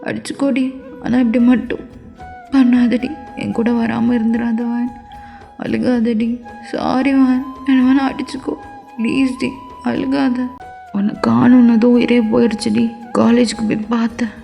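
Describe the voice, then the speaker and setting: A woman's voice: on the high side, vocal fry, warm tone. A woman voicing a remorseful, hot-tempered young husband who begs his wife tearfully in a fan-made audio story. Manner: tearful begging.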